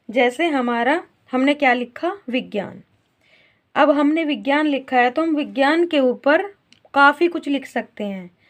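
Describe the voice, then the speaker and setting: A woman teacher explaining a grammar lesson to young pupils, asking questions and then answering them herself. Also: sits high. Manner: slow, questioning, answers her own questions.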